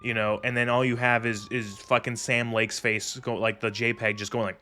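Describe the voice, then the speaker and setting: Bright-voiced man casually commenting on a game. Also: medium pitch, level tone, moderate pace. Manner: rambling, sweary. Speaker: video game streamer.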